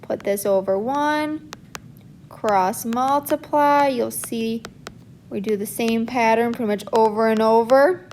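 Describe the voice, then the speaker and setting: A woman teacher explains a math problem one step at a time, in a steady recorded-lesson manner. Her voice sits high. A faint low rumble runs underneath. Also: slow pace.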